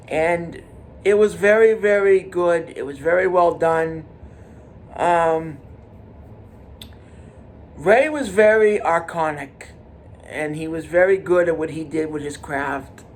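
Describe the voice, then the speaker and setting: A man of forty hosting his own podcast, talking in a halting, repetitive way with many restarts and fillers. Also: a little high, slight background noise. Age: 40s. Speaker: podcast host. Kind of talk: casual monologue.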